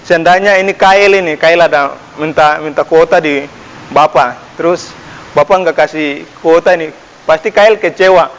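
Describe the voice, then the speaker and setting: A man's voice: on the high side, moderate pace. A young man leading a children's Sunday school sermon, speaking to the kids as their big brother, asking them questions and reading verses aloud. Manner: addresses children as their older brother, asks questions, lively rises. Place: church hall. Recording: long echo of a church hall.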